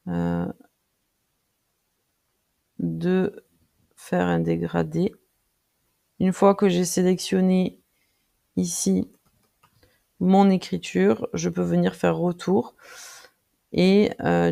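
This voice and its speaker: Heavily gravelly, dark-voiced tutorial presenter. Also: mid-range voice. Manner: hesitant, frequent filler pauses while clicking through; friendly, addresses viewers directly. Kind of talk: casual screen-recorded tutorial.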